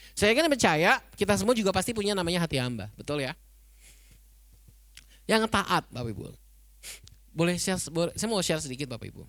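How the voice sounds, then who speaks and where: Chatty man preaching with lively pitch. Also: dry recording. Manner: conversational, often addresses the congregation and tags lines with "ya". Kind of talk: sermon. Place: multipurpose hall on the ground floor of an apartment tower.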